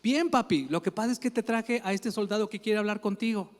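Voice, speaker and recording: A kind little boy reassures a stranger in a high, gentle voice, as a preacher voices him. The sound rings out with long hall reverb. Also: a little fast, lightly acted. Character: kind helpful boy of seven or eight.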